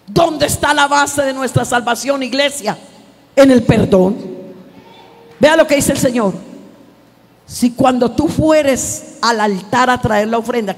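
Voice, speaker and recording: A woman preacher giving a fervent church sermon, shouting calls out to the congregation. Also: a little high, husky. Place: church sanctuary. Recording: long hall reverb in a church.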